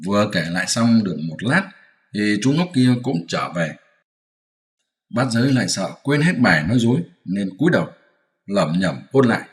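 A man narrating a classic novel as an audiobook in a steady, measured reading. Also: fairly low pitch. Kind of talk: storybook narration. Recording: roomy echoey room.

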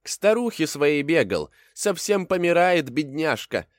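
A small, sly male rabbit chirps in a high, squeaky voice, as a man reads him out. The storybook delivery is bouncy and quick to leap in pitch. The sound is dry and close, with no room around it. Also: big pitch swings, no room sound. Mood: feigned sorrow. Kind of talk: storybook reading.

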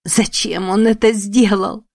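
A woman's voice: mid-range voice, steady tone, normal speed, breathy edge, no room sound, studio quality, natural voice. Woman playing a sobbing young heroine. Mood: grieving. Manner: pleading, on the edge of hysteria. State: crying.

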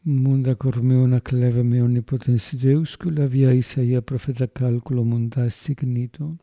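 A man's voice: medium pitch, mellow, no echo. A man, a priest, solemnly reciting Latin Mass prayers and reading the Gospel aloud in Spanish. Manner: slow, solemn intoning.

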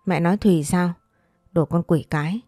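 A woman's voice: on the low side, normal speed, mellow, dry recording, studio quality, lightly acted. A woman voicing a hot-tempered young married woman who snaps in angry outbursts. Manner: snapping outbursts.

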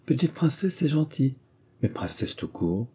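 A man's voice: mid-range voice, big pitch swings, a little mellow, slightly rough, voice pushed up, heavily acted. Man putting on a teasing young princess's voice. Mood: playful. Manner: playful, chattering, quick retorts.

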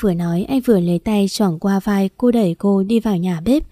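Mellow-voiced woman reading a story. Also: medium pitch, brisk, no echo, clean studio sound. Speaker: story narrator. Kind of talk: scripted story narration.

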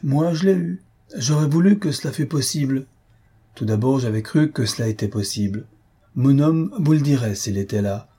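A man's voice: mid-range voice, lively intonation, normal speed, mellow, husky, pitched above the performer's own voice. A man reading an audiobook, voicing a stern, practical middle-aged aunt who lectures bluntly, raised well above his own voice. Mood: insistent. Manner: lecturing, firm and cutting.

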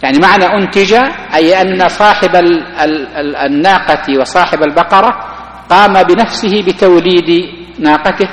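A man, a sheikh, giving a mosque lesson on creed, explaining slowly with many restarts. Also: sits high, a bit bright. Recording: echoey mosque hall recording.

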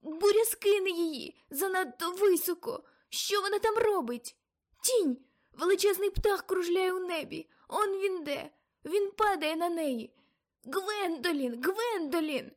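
A woman's voice: sits high, slow pace, pitched above the performer's own voice. A woman doing an old aunt crying out a vision. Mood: frightened. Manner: breathless, exclaiming, rising to cries. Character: elderly aunt, a seer lost in a frantic vision.

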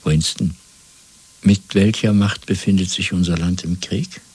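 In a 1970s German radio play, a male actor voices a cold, fanatical Party interrogator and torturer, deliberate and patronising, moving between soft and commanding. His low, gravelly voice holds a steady tone and often sinks to a whisper, projecting cold domination.

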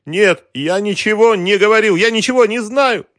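A man voicing a terrified cornered man who pleads and denies in a high, strained voice. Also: moderate pace, a bit bright, no echo, clean studio sound. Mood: desperate.

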